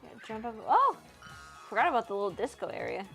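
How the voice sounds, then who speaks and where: A woman's voice: a little high, huge pitch swings, quick pace, gravelly, a bit bright. A woman co-hosting a let's play, chatting casually and reacting to the game. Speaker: gaming co-host. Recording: game music behind voice. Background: video game music.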